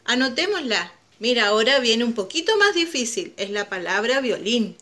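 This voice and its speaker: High-pitched female teacher, slow stretched-out vowel drills, bright encouraging tone for young children. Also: very animated. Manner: stretches out each vowel sound slowly. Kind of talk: children's phonics lesson.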